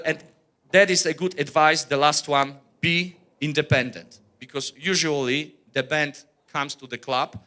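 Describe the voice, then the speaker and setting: Bright-voiced man giving a talk. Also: medium pitch. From Poland. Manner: earnest, blunt, with many "uh" fillers and restarts. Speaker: workshop presenter, rock musician. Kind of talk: workshop presentation.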